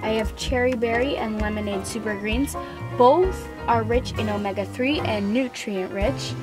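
Music plays under this young woman as she co-hosts a product review chat in a parked car, captured on a car-mounted camera. Her voice is slightly high and her pace normal; she comes across earnest yet hesitant, often starting over.

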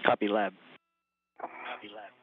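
A man in ground control, heard over a crackly radio link, giving calm, brief instructions to spacewalkers. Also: fairly low pitch, unhurried, slightly rough. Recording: tinny radio link with faint hiss.

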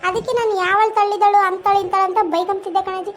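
A voice actor doing an indignant quarrelsome village wife. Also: female voice, very high voice, little pitch movement, fast talker. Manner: indignant, complaining, argumentative. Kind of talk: cartoon voice acting.

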